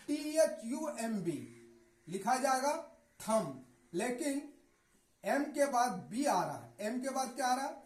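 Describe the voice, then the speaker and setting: A woman's voice: a little high, darkish tone, reverberant, low-quality recording. A woman teaching English pronunciation rules, repeatedly asking a question and answering it herself. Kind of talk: classroom-style lesson.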